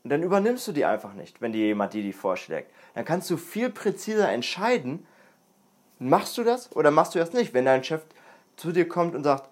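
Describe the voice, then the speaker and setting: A man's voice: fairly high pitch, sing-song, normal speed. A young man hosting a podcast, talking in a casual, earnest monologue and repeating words for emphasis. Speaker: podcast host. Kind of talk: casual self-improvement monologue.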